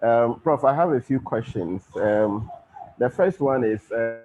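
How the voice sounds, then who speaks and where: A man speaks up during an online class's question time over a wobbly, warbling video call. The line sounds thin and tinny, and faint rain noise hisses underneath. He is polite and hesitant, and he pauses often with fillers. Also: mid-range voice, animated. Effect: wobbly, warbling call audio. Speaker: participant asking questions.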